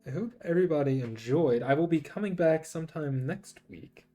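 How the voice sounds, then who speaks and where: Guitar music plays behind a male livestreamer and VTuber host who chats casually, rambling and musing aloud. He sounds fairly high-pitched, animated, brisk, and mellow.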